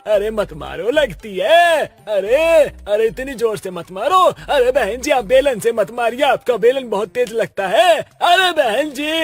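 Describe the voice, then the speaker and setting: A man's voice: very high-pitched, exaggerated voice. A man voicing a blustering village goon in a cartoon who threatens people, then whines when he gets beaten. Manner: threatening, then whining and yelping. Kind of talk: cartoon voice acting.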